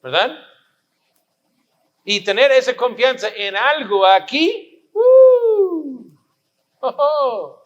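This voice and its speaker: High-voiced man preaching slowly. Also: expressive, fairly bright tone, muffled recording. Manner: preaching with rhetorical questions, emphatic repetition. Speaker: pastor. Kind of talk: sermon.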